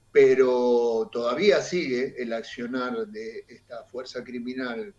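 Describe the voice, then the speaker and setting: A man speaks as a political analyst in a remote interview, with a steady mid-range voice. He is measured but emphatic and leans on frequent fillers as he builds his points. The call audio sounds dull and lo-fi. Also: mid-range voice.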